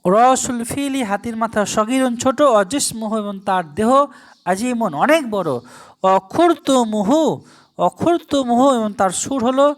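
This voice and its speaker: A teacher works through a recorded language lesson. The voice draws each foreign phrase out slowly, then switches to brisk explanatory asides. Rhetorical questions to the listener keep coming back throughout. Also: medium pitch.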